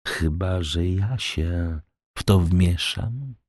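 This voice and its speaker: A man voicing a scheming, envious man who talks in a low, sardonic mutter. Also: extremely slow, a little mellow, dry recording, clean studio sound, full character voice.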